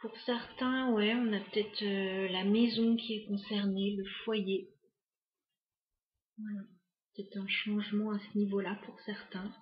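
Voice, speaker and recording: Soft-spoken woman reading tarot in a roomy room. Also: medium pitch, little pitch movement, a little slow, lo-fi sound. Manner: hesitant, musing, many fillers. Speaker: tarot card reader. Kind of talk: casual tarot reading to camera.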